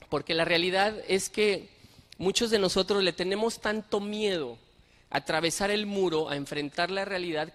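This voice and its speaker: Pastor preaching in a reverberant church. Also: male voice, high-pitched, a bit bright. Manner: storytelling with rhetorical questions, earnest. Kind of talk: sermon. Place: church hall.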